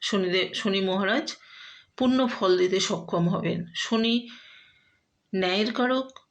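A woman's voice: medium pitch, takes it slowly. Woman astrologer explaining steadily. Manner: steady explanatory delivery with frequent um fillers. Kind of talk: horoscope talk to camera.

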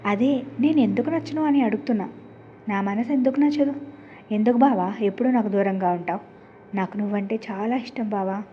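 A woman's voice: medium pitch, brisk, dull audio, slight background noise, lightly acted. A woman voicing a stubborn, possessive young woman who pleads with her cousin and then defies him. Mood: pleading. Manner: pleading, then defiant and arrogant.

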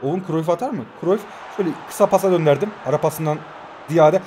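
A man's voice: a little high, quick pace, slight background noise. A man in his twenties commentating his own mobile football match, calling out player names and chatting to viewers, holding his voice down at night in his new home. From Turkey. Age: 20s. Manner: excitable, shouts player names, talks to viewers. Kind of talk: live gameplay commentary.

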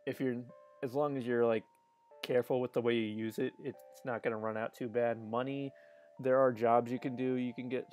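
A man's voice: medium pitch, fairly even intonation, moderate pace, darkish tone. Chatty man streaming a game. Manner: chatty and rambling, laughs often, restarts sentences. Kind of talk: casual live-stream commentary.

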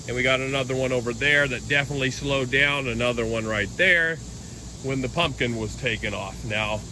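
Bright-voiced man touring his garden. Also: mid-range voice, a little hiss or hum, poor audio. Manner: relaxed, rambling, explains as he walks. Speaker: giant pumpkin grower. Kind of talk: casual garden tour. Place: outdoors in a pumpkin garden. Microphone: handheld phone.

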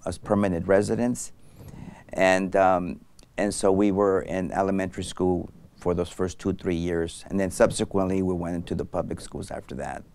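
This deep, creaky voice with a darkish tone belongs to a middle-aged doctor from Mexico, an anesthesiologist being interviewed. He talks reflectively, often hesitating with fillers and starting over. He wears a lapel mic on a studio set, and there's slight background noise.

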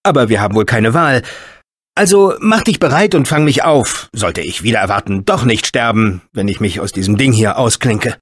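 A man voicing a chatty, nervous male robot sidekick in a dubbed video game, talking in an excitable rambling way. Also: medium pitch, moderate pace, breathy edge, no echo.

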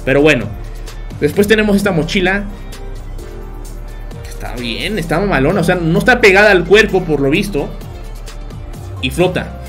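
A young adult streamer with a Mexican Spanish accent livestreams a game from a small bedroom, chatting with viewers, telling stories, and often joking and laughing. His voice is high-pitched and animated at a normal speed, with long pauses. Soft background music plays.

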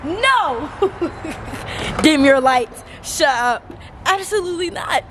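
A young woman chats into a handheld camera from a car at night, blunt and teasing. Her voice sits high. Steady road and engine noise hums under her words. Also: slow pace. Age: young adult. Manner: blunt and playful, talks to viewers. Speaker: vlogger. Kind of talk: casual chat. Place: car at night and gas station.

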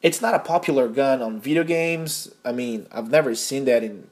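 This is a young Brazilian gaming YouTuber, a native Portuguese speaker, narrating a laid-back vlog in English that's sincere but a little halting and carries his Brazilian accent. His voice is medium in pitch and slightly mellow.

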